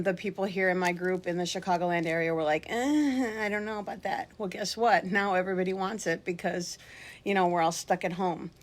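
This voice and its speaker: A middle-aged woman and line dance instructor, talking casually and jokingly to camera from her home basement. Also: medium pitch. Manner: talkative, joking, acts out voices in her anecdotes. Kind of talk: casual chatty tutorial to camera.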